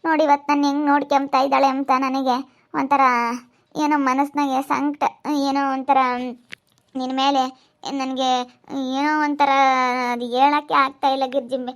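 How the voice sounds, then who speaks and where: Soft-spoken woman, high and level. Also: little pitch movement. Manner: soft, slow and tearful. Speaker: new mother.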